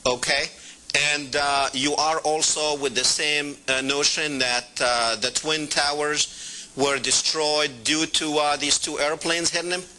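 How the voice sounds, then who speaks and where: Male TV host, middle-aged, a bit high and bright, halting and full of fillers. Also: steady tone. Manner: halting, many filler sounds. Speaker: talk show host. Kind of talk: call-in TV interview.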